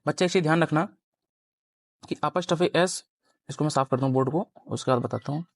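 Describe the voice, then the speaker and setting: Young guy w teaching grammar, keeps asking the class questions, a bit high pitched, dry mic. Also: quick pace, no echo. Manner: explains step by step, keeps quizzing the students. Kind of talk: classroom grammar lecture at a board.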